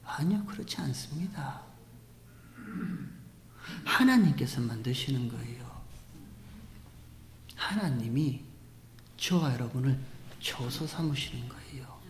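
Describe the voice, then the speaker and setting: A male pastor preaching a sermon in a church, swinging from loud emphatic lines to hushed near-whispers. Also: medium pitch, lively intonation, slow, long pauses, slight background noise. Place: church sanctuary. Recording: echoey church hall.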